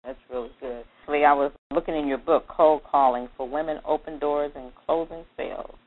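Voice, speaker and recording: A woman's voice: deep voice, steady tone, brisk. A woman interview host asking her guest friendly, guided questions. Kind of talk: phone interview. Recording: tinny phone line.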